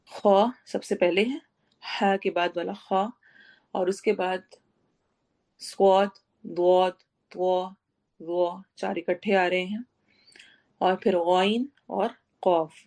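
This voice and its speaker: Woman teaching Quran recitation, flat voice. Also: mid-range voice. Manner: slow drawn-out recitation, then steady explaining. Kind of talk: tajweed lesson, slow recitation and explanation.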